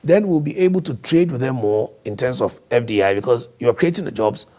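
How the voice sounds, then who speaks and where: A hoarse man whose voice is partly lost, giving emphatic, explanatory interview answers as a diplomat, often posing rhetorical questions. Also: mid-range voice, lively intonation, a little fast, warm tone.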